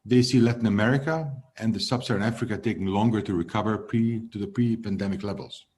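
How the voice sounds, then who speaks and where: With a fairly low pitch and darkish tone, a man in his fifties takes interview questions about his work as a logistics executive. Born in Hungary, he talks in a measured style, letting his phrases trail away.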